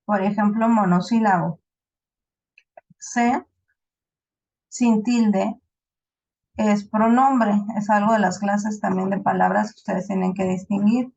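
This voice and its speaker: A woman with a Mexican accent teaches a class, explaining step by step and pausing often to check that her students follow. Her voice sits at an ordinary middle pitch. The recording is dull and slightly lo-fi. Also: fairly even intonation, gravelly, a little mellow. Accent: Mexican Spanish. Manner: explains slowly with many "¿no?" checks and restarts. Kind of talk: online class lecture.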